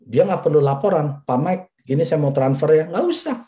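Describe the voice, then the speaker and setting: A man's voice: fairly high pitch, lively intonation, fairly quick, dark tone. A man in his forties giving a persuasive seminar talk, addressing the audience directly and repeating his key points. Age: 40s. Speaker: business presenter.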